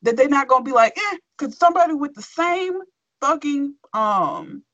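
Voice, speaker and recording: A high-voiced woman co-hosting a podcast talk show reads a forum post aloud, then launches into an animated, expressive rant full of swearing. She speaks at a moderate pace, and the recording is muffled with no room sound.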